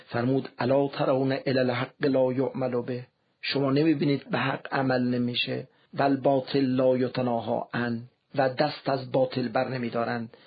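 A man delivering a formal religious lecture in a measured way, quoting scripture as he goes. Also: mid-range voice, little pitch movement, breathy edge, highs cut off.

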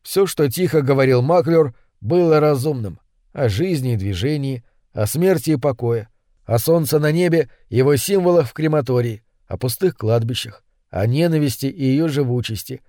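A man narrating a horror story as an audiobook reading, in steady, measured storytelling. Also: medium pitch, dry recording, clean studio sound.

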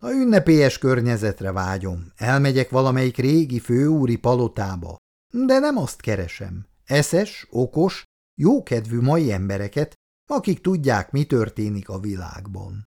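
A man's voice: medium pitch, big pitch swings. Man voicing a polite, worldly writer. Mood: earnest. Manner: polite, gently persuasive. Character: courteous, worldly male writer, middle-aged. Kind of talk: read-aloud story dialogue.

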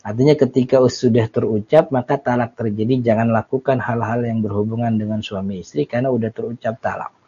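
Male teacher, relaxed and joking, mellow dark voice, dull lo-fi recording. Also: medium pitch, a little fast, slightly rough. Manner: relaxed, joking, reads Arabic then explains. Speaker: Islamic teacher. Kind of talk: casual kitab study lesson.

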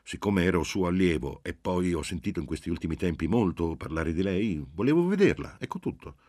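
A reserved young man, calm and terse, as a man reads him in his own deep voice. He sounds very low and even. The recording is close and dry. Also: fairly quick, dry recording. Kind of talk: audiobook reading.

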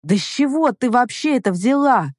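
An evasive middle-aged male head doctor, as a woman narrator puts him on in a storybook reading. He keeps trying to smooth things over, pitching his voice up and pushing it louder as he pleads. The sound is dry and close. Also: animated, moderate pace, dry recording, natural voice. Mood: wheedling.

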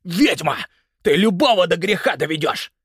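A man voicing a thin, bearded husband yelling during a domestic fight, in an audiobook. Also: a little high, wildly swooping pitch, moderate pace, vocal fry, breathy edge, dry recording, studio quality, pitched above the performer's own voice, exaggerated voice. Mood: angry. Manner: shouting.

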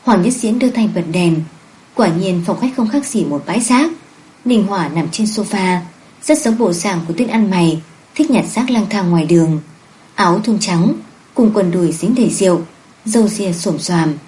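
A woman reading a romance novel aloud in steady, even scripted narration. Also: lowish voice, normal speed, low-quality recording. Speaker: audiobook narrator.

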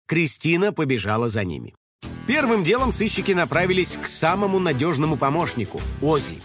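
A man narrating a children's audiobook in an expressive, playful way. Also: a little high, a little fast, over music.

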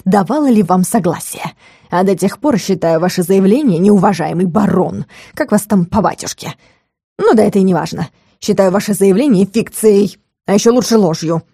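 A woman voicing a hot-tempered male dragon count in an audiobook, shouting and indignant. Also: medium pitch, slightly rough, dry recording, studio quality. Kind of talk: audiobook character voice.

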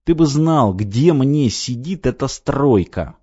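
A man's voice: mid-range voice, expressive, slow, a little mellow, breathy edge, lo-fi sound, pitched above the performer's own voice. A man reading an audiobook, voicing a weary, gloomy male foreman who mutters glum, sardonic replies.

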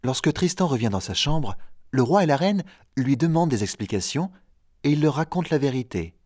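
Male narrator, graded reader audiobook, steady clear delivery, dry close mic. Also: medium pitch, brisk, no echo. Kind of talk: scripted audiobook narration for learners.

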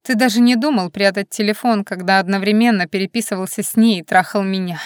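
A woman reading an audiobook and voicing a young heroine, speaking in sharp, emotional outbursts. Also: medium pitch, quick pace, clear, resonant tone, no echo, clean studio sound, close to an everyday voice. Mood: bitter.

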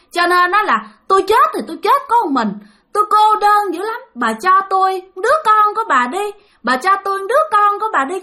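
A woman voicing a lonely, vengeful female village ghost turned demon, shrill and cackling as she demands a child. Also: sharp tone, full character voice.

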